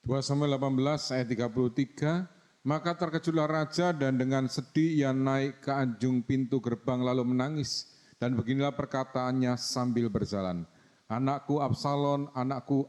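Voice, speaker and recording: A man reads a Bible passage aloud during a church service. His voice sits at a medium pitch and he reads it straight through. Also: darkish tone. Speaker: scripture reader. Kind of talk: reading scripture aloud.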